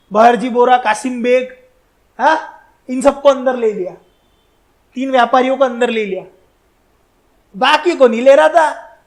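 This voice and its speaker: Man, very high voice, history lecture told as a story, lively, talks straight to the audience, slangy. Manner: animated, addresses listeners directly with slangy asides. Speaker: history educator.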